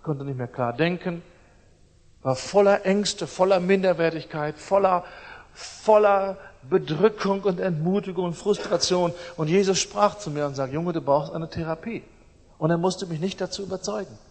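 A middle-aged man preaching a sermon, emphatic and repeating his phrases, swinging between loud outbursts and soft asides. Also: sits high, normal speed. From East Germany. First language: German. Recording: long hall reverb.

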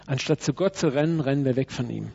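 A man's voice: mid-range voice, quick pace, creaky, mellow, husky. A man preaching a sermon in a church, speaking emphatically and turning to address people in the room. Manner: emphatic, with acted quotes and direct asides to listeners. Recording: dull, lo-fi sermon recording.

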